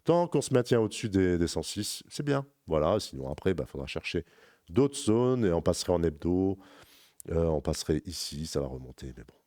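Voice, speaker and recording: A man talking rapidly and informally as a crypto trading analyst, walking the viewer through charts in a rambling, self-correcting way. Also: sits low, very animated, warm tone, no echo. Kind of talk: casual chart walkthrough addressing viewer as tu.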